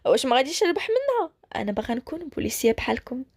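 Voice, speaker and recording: A bubbly, cheeky young woman with a Moroccan accent, as a woman storyteller puts her on, high and quick as she teases. She rattles along playfully, in a spoken storybook. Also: sing-song, a little mellow, no echo, clean studio sound, full character voice. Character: bubbly teasing young woman, rookie cop.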